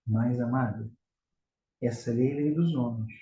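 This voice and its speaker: Earnest and exhorting, a Rio de Janeiro man with a Carioca accent teaches a religious lesson on prayer, speaking to his listeners as brothers. His mid-range, warm voice keeps a moderate pace, captured in an echoey room with slightly dull sound.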